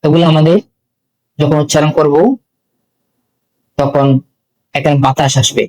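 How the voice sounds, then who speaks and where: A man with a Bangladeshi accent teaching a spoken English lesson, slowly repeating letters and sounds for learners. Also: fairly high pitch, flat delivery, a little mellow, low-quality recording.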